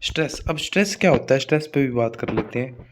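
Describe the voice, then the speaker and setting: A man teaching English word stress for an exam, speaking Hindi. He repeats example words slowly and checks in with "theek hai" often, with an occasional cough. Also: medium pitch, lively intonation, noisy background.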